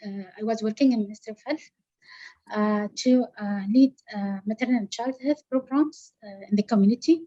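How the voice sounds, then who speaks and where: A woman, a physician introducing herself on a panel, pausing often with fillers as she speaks. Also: fairly high pitch, dark tone, no room sound, highs cut off. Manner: hesitant, many pauses and fillers. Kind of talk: formal self-introduction.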